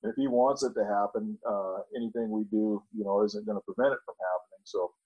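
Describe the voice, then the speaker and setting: A man in a casual group discussion, speaking in a measured way with many "you know"s. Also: fairly low pitch, steady tone, slightly rough, highs cut off. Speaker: group member.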